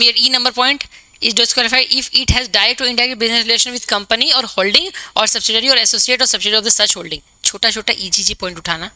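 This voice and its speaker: A woman tutor gives an exam-prep lecture in a very bright, crisp voice that sits a little high. She reads definitions out slowly, then explains them in relaxed conversational asides and keeps checking that students follow. The sound is close and dry. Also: dry recording, rough recording. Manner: repeats points for students to remember.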